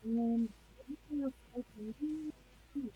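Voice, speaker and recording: A woman's voice: on the high side, takes it slowly, slight background noise. A woman playing a tabletop game over a voice call, her audio muffled so she sounds underwater, talking hesitantly with fillers. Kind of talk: casual play over a voice call.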